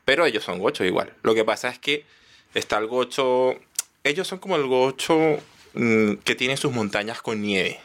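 A Venezuelan comedian with an Andean Táchira accent, chatting casually with a friend in a rambling, gossipy way. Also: male voice, medium pitch, moderate pace, fairly bright tone. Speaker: guest comedian. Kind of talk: casual chat between friends.

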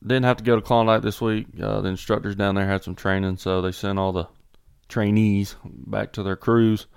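A man's voice: fairly low pitch, little pitch movement, moderate pace, gravelly, clean tone, dry recording, clean studio sound. A young man co-hosting a casual podcast, joking and upbeat as he chats with friends and reads a verse aloud. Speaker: podcast co-host.

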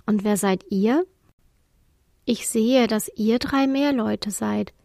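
A woman reading the part of a lonely, gentle female ship spirit who sighs as she tells her story, in a storybook reading. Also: on the high side, slow pace, gravelly, no room sound, clean studio sound, exaggerated voice. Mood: wistful.

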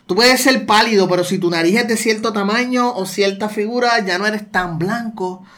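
A man's voice: high voice, moderate pace, sharp tone. A man with a Puerto Rican accent talking in a casual discussion, often restarting and repeating words. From Puerto Rico.

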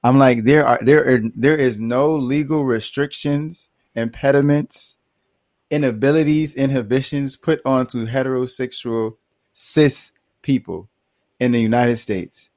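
A man's voice: medium pitch, measured pace, darkish tone, no room sound. A man co-hosting a podcast in a casual, rambling discussion, full of fillers and laughs. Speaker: podcast co-host.

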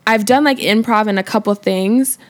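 A woman's voice: mid-range voice, normal speed. A young woman chatting as a guest, upbeat and full of fillers, laughing often. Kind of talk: casual interview chat. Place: studio in Los Angeles area.

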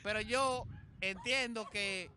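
High-voiced man telling stories. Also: takes it slowly, over a noisy crowd. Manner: tells personal anecdotes, often asks "you know?". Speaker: podcast co-host. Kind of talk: casual chat. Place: outdoors beside a street, people nearby.

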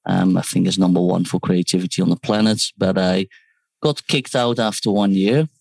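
The voice sits low and has vocal fry, a slightly mellow quality and fairly even intonation, delivered at normal speed with no room sound. He's a startup founder and design teacher, South Korean-born and Netherlands-raised, interviewed conversationally about his work. Thoughtful, he restarts words and quotes others in passing asides.

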